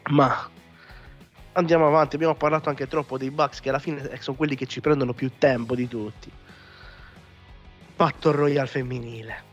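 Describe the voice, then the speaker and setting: A man talks as the host of a casual commentary show. He rants with animated exasperation and swears freely. The sound is slightly dull and lo-fi, with faint music behind him. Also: medium pitch, fast talker. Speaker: podcast host. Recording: muffled lo-fi audio with music behind. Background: background music.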